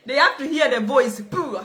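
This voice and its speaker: Ugandan woman livestream host, unhurried and teasing, bright voice, fairly high. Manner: playful, teasing, laughs often. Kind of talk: casual livestream chat.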